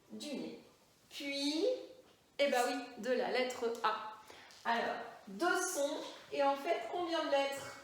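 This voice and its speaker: A woman teaching first-grade handwriting to young children, slowly sounding out letters and syllables with encouragement. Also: sits high. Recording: echoey room.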